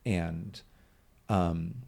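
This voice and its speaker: A man guest on a talk show, speaking earnestly, rambling with many fillers and pauses. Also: low-pitched, steady tone, mellow. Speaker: guest, nonprofit founder. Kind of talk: casual conversation.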